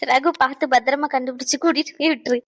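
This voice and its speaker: A woman's voice: high-pitched, fairly even intonation, rapid-fire. A woman voicing an irritated young woman in a cartoon who scolds her teasing friends. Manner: scolding, exasperated. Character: irritated young woman, sharp-tongued, easily annoyed. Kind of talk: cartoon voice acting.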